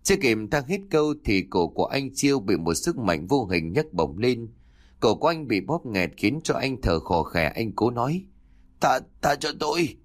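A man narrating a horror story for an audiobook with steady, expressive storytelling. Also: medium pitch, normal speed.

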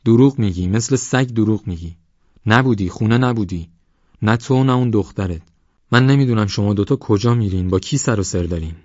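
A man's voice: lowish voice, a little mellow, no echo, lightly acted. A man doing a harsh, sarcastic village husband. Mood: angry, accusing. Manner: accusing, bitter. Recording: dull lo-fi audio.

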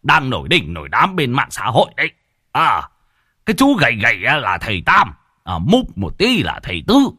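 A man voicing a jolly, excitable old village elder who fawns over his guests. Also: moderate pace, husky, dry recording, clean studio sound, full character voice. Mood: gleeful. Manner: giggly, high and boastful.

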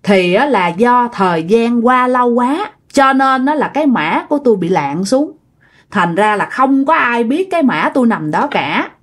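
A woman voicing a miserable, starving old woman ghost who pleads and whines in a thick, husky voice. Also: a little high, animated, moderate pace. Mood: eerie. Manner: whiny, pleading, repeats herself.

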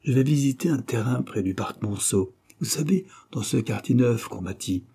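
A man reading an audiobook, voicing a brash, fiery young courtesan with sharp, taunting outbursts. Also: mid-range voice, expressive, normal speed, vocal fry, slightly rough. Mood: brisk.

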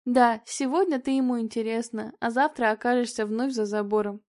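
A spiteful young woman hisses threats and sneers at her rival, as a female audiobook reader puts her on. The voice sits a touch high and stays soft and mellow rather than sharp, with a scornful, menacing edge. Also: steady tone, fairly quick, lightly acted.

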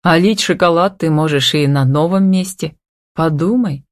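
A woman's voice: low voice, normal speed, no echo, studio quality, close to an everyday voice. Woman reading as a teasing self-assured businessman. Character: confident wealthy businessman, teasing and commanding. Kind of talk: audiobook reading.

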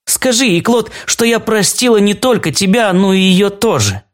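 A man's voice: high voice, moderate pace, voice pushed up, natural voice. A man voicing a doting woman's ghost. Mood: sympathetic. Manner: fond, forgiving, calmly observant. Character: gentle, doting female ghost, a murdered former lover. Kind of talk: audiobook character voice.

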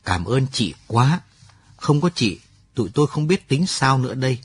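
A man's voice: mid-range voice, sing-song, moderate pace, husky. A man voicing a young army officer who presses urgently in a radio story. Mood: urgent, pressing.

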